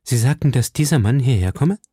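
A man voicing a cold, cunning noblewoman in an audiobook, speaking low and measured with a probing edge. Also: lively intonation, warm tone, slightly rough, dry recording, clean studio sound. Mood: guarded. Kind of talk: audiobook reading.

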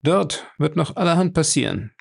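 A man voicing a brisk, commanding male captain in an audiobook, curt in his orders. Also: on the high side, big pitch swings, gravelly, slightly rough, voice pushed up, full character voice.

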